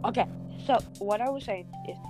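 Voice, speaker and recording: A woman's voice: fairly high pitch, fairly quick, music in the background. A woman narrating as dungeon master, often stopping and restarting her lines. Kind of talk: narrating a tabletop game.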